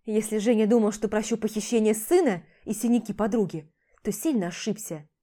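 A woman narrating a novel in the first person, with an emotional, expressive reading. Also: mid-range voice, a little fast. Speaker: audiobook narrator.

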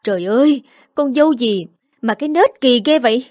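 A hot-tempered older mother-in-law, voiced by a woman, nags in a shrill, raised voice. She fires off rebukes at speed, loud and high. The sound is dry and close. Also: lively intonation, no room sound, close to an everyday voice. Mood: furious. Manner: shrill, fast scolding.

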